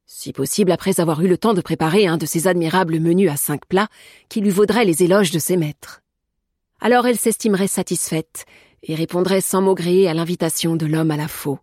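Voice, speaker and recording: Husky, low-voiced woman narrating a novel. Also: dry recording, studio quality. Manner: measured, even storytelling. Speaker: audiobook narrator. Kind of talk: scripted narration.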